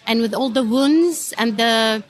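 A Lebanese woman in her fifties talks with a slightly high voice. Her English carries an Arabic lilt and her pace is unhurried. She speaks earnestly, pausing often as she thinks. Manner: earnest, reflective, with frequent "uh" pauses. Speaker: ministry CEO, guest. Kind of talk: interview conversation.

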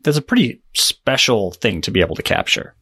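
A man co-hosting a podcast, relaxed and a bit rambling. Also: on the low side, brisk, husky, no room sound. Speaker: podcast co-host. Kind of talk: casual podcast chat.

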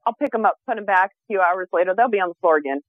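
A woman's voice: medium pitch, very fast, no echo. Hesitant woman caller on a phone line. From USA. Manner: hesitant, with frequent ums. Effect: heard over a phone line. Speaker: radio show caller.

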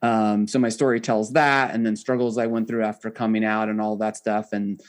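A man chatting casually as a podcast guest, explaining things in a halting, thinking-aloud way. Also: on the low side, level tone. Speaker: podcast guest, author and spiritual coach. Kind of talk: casual interview chat.

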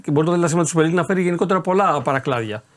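A man, a sports reporter on a casual radio talk show, explaining at length with restarts and hesitations. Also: fairly high pitch.

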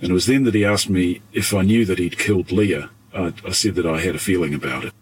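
A man, giving testimony in an archival police interview, halting and stumbling, with swearing. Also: low-pitched, a little hiss or hum, poor audio.

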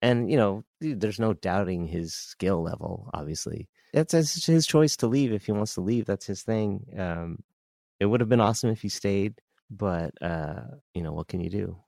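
Deep, gravelly man in easy chat. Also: expressive, normal speed, warm tone, no echo, clean studio sound. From San Francisco Bay Area. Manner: easygoing, filler-heavy, "you know" throughout. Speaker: podcast guest, musician. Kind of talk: casual sports chat.

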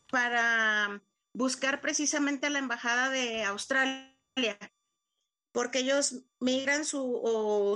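A woman's voice: high-pitched, fairly bright tone. Woman on a glitching, cutting-out video call. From Mexico. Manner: explains at length, often restarting with "o sea". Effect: glitching, cutting-out video call audio. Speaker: interview guest. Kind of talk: remote interview over a video call.

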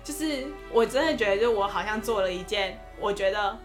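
A young adult woman, a nurse telling a story in a casual podcast chat, expressive and animated. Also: brisk, music in the background. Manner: expressive storyteller, lively swings in pitch.

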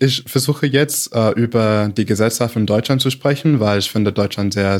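A young American man from Michigan speaking German as a second language over a video call. He hesitates, uses lots of fillers and corrects himself mid-word. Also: on the low side. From USA, Michigan. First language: English. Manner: hesitant non-native German with many fillers and self-corrections. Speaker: podcast guest. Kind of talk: casual interview chat.

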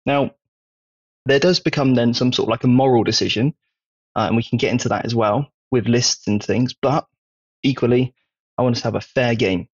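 A man's voice: mid-range voice, fairly quick, husky, highs cut off. A man from Wiltshire, England, with a Wiltshire accent, co-hosting a casual podcast and explaining his views while often checking in with "okay?". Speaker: podcast co-host.

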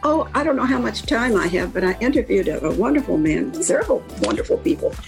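A woman's voice: fairly high pitch, expressive, fast talker, vocal fry, soft background music. An older woman with a slight Kentucky accent, telling anecdotes in a reflective, rambling way as an interview guest. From Kentucky, Appalachia. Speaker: interview guest, author and academic.

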